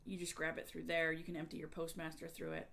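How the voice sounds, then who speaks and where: A woman's voice: low-pitched, completely flat delivery, quick pace, fairly bright tone. A woman game streamer chatting casually with viewers and explaining things in a conversational way. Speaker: variety gamer and streamer.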